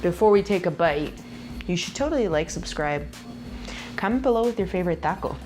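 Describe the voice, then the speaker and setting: A woman in her thirties, a cooking vlogger of Puerto Rican and Mexican heritage whose first language is Spanish, chats playfully with viewers while cooking in her home kitchen, laughing often. Her voice is fairly low and darkish, animated and fairly quick. Soft music plays in the background of this casual cooking demo to camera.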